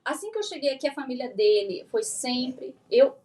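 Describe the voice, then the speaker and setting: High-voiced Brazilian woman telling a story. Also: normal speed. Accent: Brazilian Portuguese. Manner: animated storyteller who acts out what she and others said. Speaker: guest, firearms instructor. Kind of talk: casual interview.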